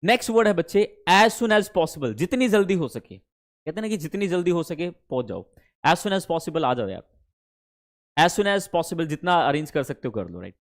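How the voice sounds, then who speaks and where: Male teacher, higher-pitched, chatty, drills pronunciation, drawn-out lines. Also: sing-song. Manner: addresses students fondly as kids, mixes Hindi and English; slows down and stretches English phrases. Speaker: English teacher. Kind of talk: online spoken-English class.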